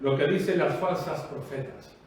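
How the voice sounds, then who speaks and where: A man's voice: a little high, moderate pace, recorded from a distance, a little hiss or hum. A man from Spain preaching a sermon, emphatic and full of rhetorical questions with repeated, rolling cadences. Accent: Spanish from Spain. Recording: echoey room, voice off-mic.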